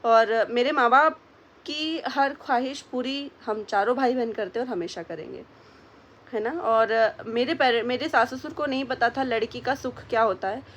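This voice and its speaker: A young woman vlogging to camera in a chatty, point-blank way. Her voice sits a little high, and she grows emphatic when she pushes back at critics. A faint hiss of background noise runs under her voice. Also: moderate pace. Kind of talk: casual talking-to-camera vlog.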